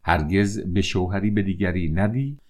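A man voicing a furious old male vizier, a stern father who shouts threats. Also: low voice, close to an everyday voice.

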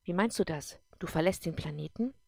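A woman voicing a caring but firm mother in an audiobook, speaking calmly and steadily. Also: fairly low pitch, a little fast, gravelly, dry recording. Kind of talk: audiobook character voice.

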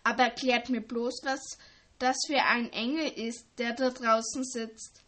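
A woman reading the part of an excited, gossipy teenage schoolgirl in a storybook. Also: on the high side, unhurried.

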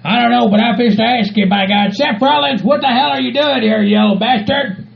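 In a muffled lo-fi recording with faint music, a man plays an agitated, exasperated hillbilly with a Southern US accent, ranting repetitively in an improvised comedy skit of character voices. He sounds bewildered, and his full character voice is very high-pitched, a little fast, and creaky.

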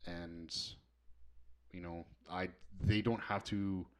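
A man's voice: sits low, fairly even intonation, slow pace, darkish tone. A man co-hosting a podcast in casual chat, enthusiastic and rambling as he talks. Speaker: podcast co-host.

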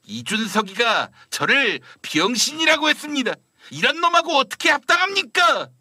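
A whiny, self-important young man playing at crown prince, voiced by a man protests in a high, strained tone. His voice is bright and edgy, rising sharply whenever he takes offence, in a satirical period-drama parody. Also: sing-song, normal speed, full character voice. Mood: whining. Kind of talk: satirical Joseon-era costume parody.

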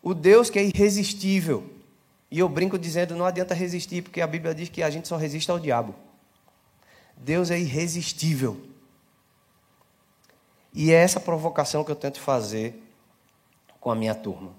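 A man's voice: on the high side, normal speed, pauses often, a little mellow. A male pastor giving a live church sermon, talking conversationally, asking the congregation questions and building to emphatic preaching. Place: church service.

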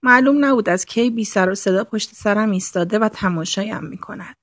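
A woman reads a novel aloud in a calm, intimate storytelling voice with a husky, breathy grain. Her pitch sits in the middle, and at times she sinks into a soft whisper. The recording is dry and close, with no room sound. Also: no echo. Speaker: audiobook narrator. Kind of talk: scripted narration.

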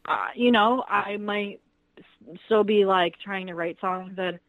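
A woman's voice: medium pitch, steady tone, measured pace, narrow, tinny audio. A woman singer as an interview guest, enthusiastic and gushing, talking casually with plenty of fillers.

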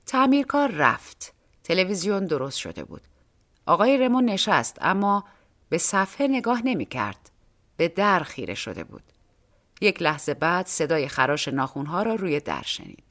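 A woman's voice: lowish voice, sing-song, fairly bright tone. A woman narrating a short story for an audiobook, reading expressively and acting out the dialogue.

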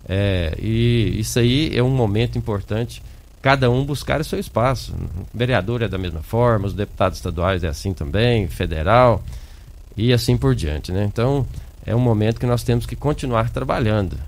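Lowish-voiced male politician in interview. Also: moderate pace, a little mellow. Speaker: politician, city council president being interviewed. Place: radio studio.

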